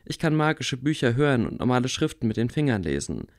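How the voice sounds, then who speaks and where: A man reading a calm, wry blind boy wizard. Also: mid-range voice, fast. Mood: earnest. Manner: quiet, level.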